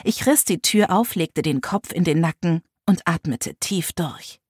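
Husky woman narrating an audiobook. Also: lowish voice, lively intonation, unhurried, dry recording, studio quality. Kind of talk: first-person audiobook narration.

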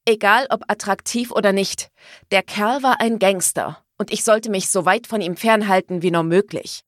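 A woman's voice: mid-range voice, normal speed, no echo, clean studio sound. A woman narrating a first-person audiobook expressively, giving her own lines a feisty edge.

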